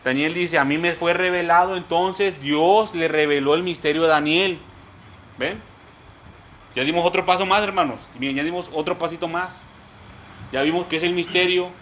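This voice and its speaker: Higher-voiced man teaching a Bible study. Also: steady tone, normal speed, a bit bright, slight background noise. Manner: repetitive, addresses listeners as brothers; explains word by word, spells terms out.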